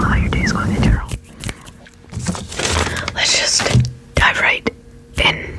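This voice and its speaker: An ASMR creator speaking in a fast, breathy whisper, often repeating short phrases while answering viewer questions. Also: poor audio.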